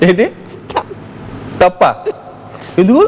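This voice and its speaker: A man's voice: high-pitched, expressive, slow pace, darkish tone, slight background noise. A man hosting a children's quiz show, playfully teasing and coaxing a young contestant, often repeating himself. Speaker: game show host.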